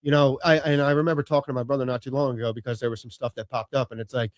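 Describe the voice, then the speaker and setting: A man's voice: medium pitch, flat delivery, very fast, dry recording. A man in his late thirties talking casually as a podcast guest, rambling with lots of "you know" and "like" and casual swearing. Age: late 30s. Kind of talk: casual conversation.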